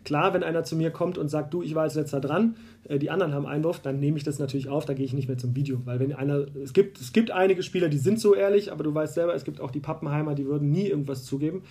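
A man from Berlin talks through refereeing rules in a relaxed conversation. His voice is gravelly and dark and sits a little high for a man. He circles back with fillers and restarts as he explains. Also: very fast. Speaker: basketball referee, guest. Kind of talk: casual conversation.

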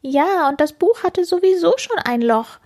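A woman voicing small, timid ladybugs in a storybook reading, squeaking in a sheepish way. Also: animated, normal speed, darkish tone.

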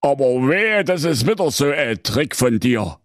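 A man voicing a gruff, greedy male wolf in a comic storybook tale, grumbling and threatening. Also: medium pitch, big pitch swings, a little slow, dry recording, studio quality, pitched above the performer's own voice.

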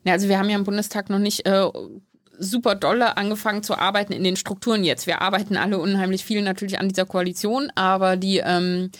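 A young woman speaks at an ordinary mid pitch as an interview guest. She sounds earnest and thoughtful and hesitates often on filler sounds. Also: steady tone, fast talker. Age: young adult. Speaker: member of parliament, guest. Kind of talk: casual interview answers.

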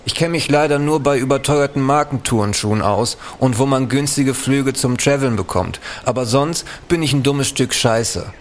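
Man as hip uncle, casual slang, self-deprecating, spoof app testimonial, mid pitch, faint ambience. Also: normal speed, hardly any pauses, a little hiss or hum, lightly acted. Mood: smug, casual. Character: self-mocking hip childless uncle in advert.

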